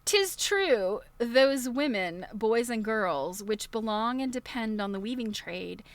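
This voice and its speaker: Reading a book aloud on a casual livestream, this woman slips into chatty tangents and chuckles easily. Her voice is a little high and expressive, she takes her time, and the recording has no echo.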